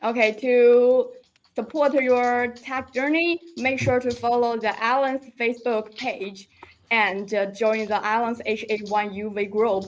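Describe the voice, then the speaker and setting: A woman's voice: a little high, steady tone, measured pace, slight background noise, low-quality recording. A woman hosting a live product launch stream, promoting a deal and urging viewers to join a giveaway.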